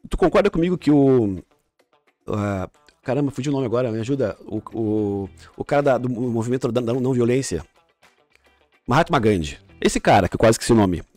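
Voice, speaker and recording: A rapid, explanatory man, a communication coach talking as a podcast guest. His voice is dry and close with no room sound, and he keeps piling on examples and restarting his sentences. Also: mid-range voice, expressive, darkish tone, dry recording, soft background music. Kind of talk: casual podcast chat.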